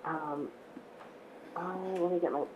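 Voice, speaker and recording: Female board member, croaky voice, appreciative and halting, dialing into a meeting over a tinny phone-like connection. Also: fairly low pitch, fairly even intonation. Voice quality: croaky, odd-sounding voice. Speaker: board member joining remotely. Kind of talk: public meeting comment. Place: at home, on a remote call. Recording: tinny remote call, noisy.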